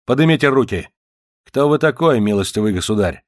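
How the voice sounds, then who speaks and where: A man's voice: medium pitch, expressive, moderate pace, no echo, studio quality, pitched above the performer's own voice, lightly acted. A man voicing a bullying, suspicious Cossack officer who barks commands and interrogates in an audiobook. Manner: barking commands, harsh and interrogating.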